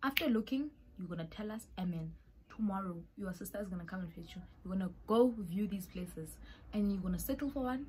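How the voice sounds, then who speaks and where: A woman's voice: mid-range voice, animated, fairly quick, warm tone, slight background noise, lightly acted, rough recording. A woman voicing her protective mother giving orders, in a South African accent. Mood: firm.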